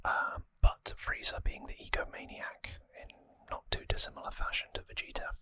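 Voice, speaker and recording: An ASMR host whispers right up against a close, dry microphone with no room sound, giving a crisp, hissy, bright recap of a story. Her breathy, unvoiced whisper moves at a normal speed as she explains things in a soft-spoken, informal way.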